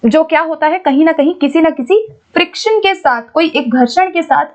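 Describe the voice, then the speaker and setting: A woman teaching an exam-prep lesson, patiently explaining and reading English questions out slowly. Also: very high voice, darkish tone. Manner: explains patiently, repeats points, keeps checking with "ठीक है".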